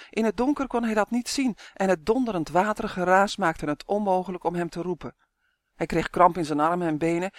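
An audiobook narrator reading a children's fantasy story in a steady, clear way that livens up in tense moments. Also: mid-range voice, dry recording, clean studio sound.

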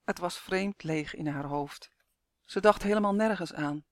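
A man reading a children's storybook aloud in a steady, gentle way. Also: high voice, measured pace, dry recording. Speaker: narrator. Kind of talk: storybook narration.

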